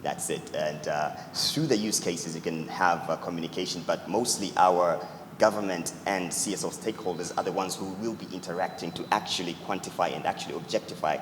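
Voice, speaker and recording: Deep-voiced man answering in an echoey hall. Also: a little fast, slight background noise. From Tanzania. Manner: earnest, repeats "actually" often. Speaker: startup founder answering judges. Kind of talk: pitch Q&A answer. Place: event hall. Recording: echoey hall with loud ambience.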